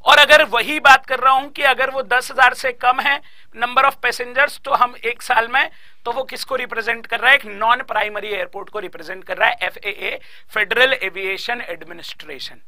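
A man's voice: extremely high pitch, normal speed, sharp tone, dry recording. A young Indian man giving a live online exam-prep lecture, repeating key points and quizzing his students aloud.

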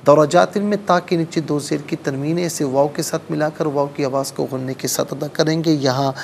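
A man teaching Quran recitation, explaining pronunciation rules and chanting the verses slowly. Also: on the high side, steady tone, gravelly, a little hiss or hum. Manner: slow melodic recitation between explanations. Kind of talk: recitation lesson.

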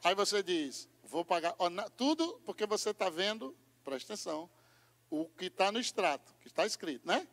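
A Brazilian man preaching a sermon as pastor, moving from hushed asides to loud shouting. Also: sits high, very animated, normal speed, in a large hall. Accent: Brazilian Portuguese.

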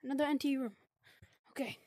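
A woman's voice: sits high, fairly even intonation, fast talker, mellow, dry recording, clean studio sound. A woman giving upbeat, slangy commentary while trying out a new game for her channel, talking into a headset mic. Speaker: gaming video creator. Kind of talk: casual gameplay commentary.

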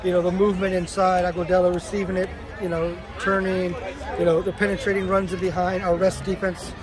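Coach, high-pitched man, casual halting answers, outdoor stadium crowd behind. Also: level tone. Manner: casual, repeats words, many "you know" fillers. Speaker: soccer coach at a postgame press conference. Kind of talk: postgame press conference answers. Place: outdoors at a stadium after a match.

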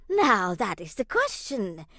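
Cackly evil witch, slow gloaty taunts, super swoopy, audio drama. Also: a little high, sharp tone, slightly rough, no room sound, clean studio sound, full character voice. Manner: theatrical, drawn-out taunting, cackles. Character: gloating, menacing wicked witch, mocking and cackling. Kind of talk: family audio drama acting.

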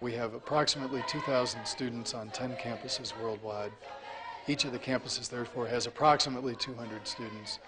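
A man as a college administrator in a documentary interview, measured and explanatory with frequent fillers. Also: mid-range voice, steady tone.

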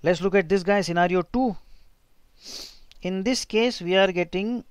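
North Indian man lecturing, clear higher-pitched voice. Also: measured pace, no room sound. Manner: informal, thinking aloud, mixing in Hindi asides. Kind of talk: technical lecture with handwritten working.

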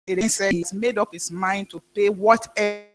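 Woman, pastor, sermon, halting storytelling, frequent restarts. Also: mid-range voice, fairly even intonation.

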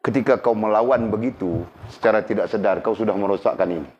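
On a dull lo-fi recording, a man gives a casual religious lesson, speaking conversationally and frequently checking that his listeners are keeping up. His voice sits on the low side, and he talks fast.

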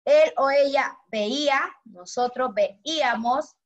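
A woman's voice: high voice, slow. A woman teaching a class to children, patient and affectionate, walking them through a table of verbs. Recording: dull lo-fi audio.

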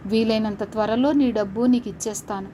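A woman's voice: on the high side, steady tone, brisk, dark tone, slight background noise, close to an everyday voice. A woman voicing a proud young wife who speaks coolly and firmly in a storybook tale. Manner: cool, firm.

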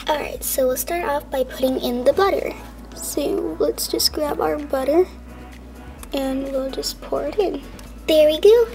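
A woman voicing a cheerful female pink lamb toy hosting a cooking show, chatty and walking through each step with soft asides. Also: sits high, creaky, low-quality recording. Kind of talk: toy stop-motion cooking show voice-over.

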